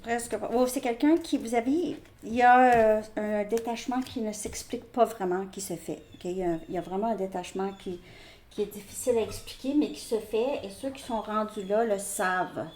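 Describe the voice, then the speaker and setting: A woman's voice: mid-range voice, brisk, darkish tone, roomy sound, a little hiss or hum. Chatty Québécois woman reading tarot. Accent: Québécois French. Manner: chatty, repeats herself, talks to viewers. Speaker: tarot reader.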